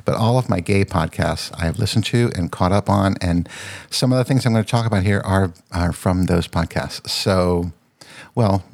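A man's voice: deep voice, normal speed, vocal fry, darkish tone. A man hosting a casual solo podcast, rambling and searching for words with lots of ums. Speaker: podcast host.

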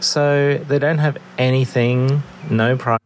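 A man's voice: medium pitch, steady tone, slow pace, slight background noise. A man with an Australian accent leaving a rambling, chatty voice message that is played back on a show, thinking aloud as he browses. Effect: recorded voice message played on the show. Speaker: listener calling in. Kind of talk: casual voicemail chat.

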